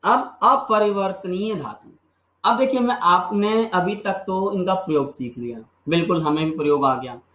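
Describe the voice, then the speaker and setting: This high, slightly bright male voice moves at a moderate pace through a Sanskrit grammar video lesson. He answers his own questions and repeats the endings as drills. The audio is rough, with an echoey room sound.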